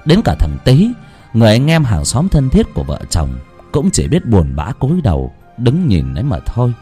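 A man narrating a ghost story in a dramatic, lively way. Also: medium pitch, moderate pace, faint music behind.

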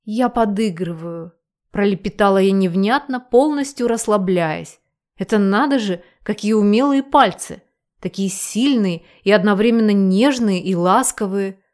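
A woman narrating a first-person audiobook with an expressive reading. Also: mid-range voice, moderate pace.

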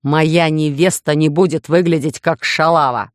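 A woman voicing a bossy, jealous young man in a romance audiobook, gruff and grumbling. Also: extremely low pitch, fairly even intonation, a little fast, darkish tone, no room sound, clean studio sound. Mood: furious.

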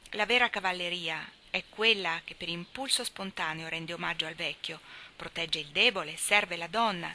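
A woman reads a classic novel aloud, measured and expressive. Her voice is bright and clear, and she carries the narration steadily. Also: on the low side. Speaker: audiobook reader.

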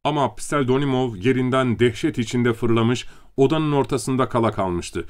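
A man narrating an audiobook in even storytelling tone. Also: medium pitch, normal speed. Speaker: audiobook reader. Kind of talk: scripted narration.

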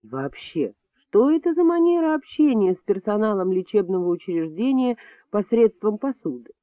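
A man reading an audiobook voices a sharp-tongued, sarcastic middle-aged woman on hospital staff, with indignant, shrill rises. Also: big pitch swings, normal speed, no room sound. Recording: dry, tinny phone-like sound.

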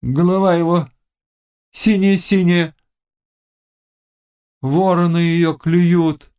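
A man voicing a fierce, mocking young witch and fortune-teller in an audiobook, chanting incantations in a high, loud voice. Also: fairly even intonation, takes it slowly, clean tone. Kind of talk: audiobook character reading.

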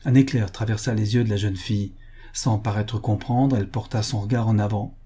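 Husky-voiced man reading a novel aloud. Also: on the low side, steady tone, fairly quick, mellow. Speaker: audiobook reader. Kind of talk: scripted narration of a classic novel.

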